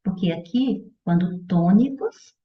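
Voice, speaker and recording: A woman's voice: mid-range voice, expressive, measured pace. A Brazilian woman teaching a grammar lesson for exam prep. She explains step by step and keeps asking whether her students follow. The recording is dull and muffled, with the echo of a bare room. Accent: Brazilian Portuguese. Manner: didactic, checks in with "certo?" and "olha". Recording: dull echoey room audio.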